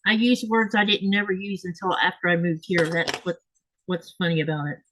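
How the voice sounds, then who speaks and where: A Florida woman with a Southern US accent hosts this clip, chatting casually and reading comments while she sews in her home craft room, rambling, correcting herself and leaning on lots of fillers. Her voice sits fairly low with fairly even intonation, a fairly quick pace and a fairly bright tone. The rough recording carries slight background noise.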